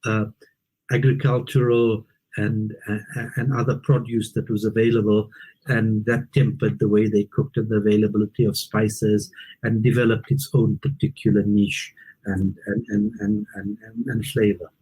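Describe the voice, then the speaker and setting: A man explaining things as an interview guest, haltingly and deliberately, often repeating words, in a husky voice. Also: fairly low pitch, mellow, poor audio.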